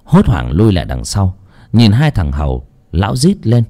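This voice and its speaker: A man narrating a dark folk story in a dramatic, animated way. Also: on the low side, moderate pace.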